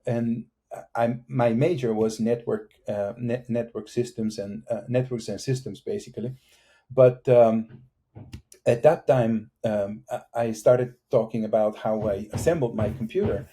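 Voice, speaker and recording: A middle-aged Bulgarian engineer with a Bulgarian accent speaks casually as a guest in a video-call interview. His mid-range, dark voice holds a steady tone, though he halts often with many fillers and restarts.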